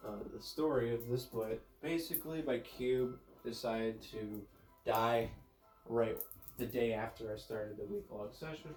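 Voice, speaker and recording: A man's voice: medium pitch, a little slow, darkish tone, soft background music. A man with a congested, stuffed-up nose from a cold, chatting casually and thinking aloud as he rambles through a vlog. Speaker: vlogger with a YouTube channel. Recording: echoey room.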